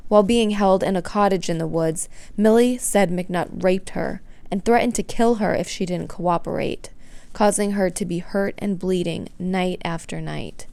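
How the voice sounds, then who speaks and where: A woman's voice: on the low side, normal speed, creaky, a little mellow. A woman reading scripted narration for a news documentary as the reporter.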